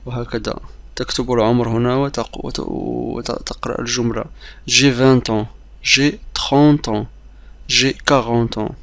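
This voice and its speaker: A man teaching a beginner language lesson, explaining briskly with some hesitations and repeating example phrases slowly like drills. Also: medium pitch, fairly bright tone, dry recording.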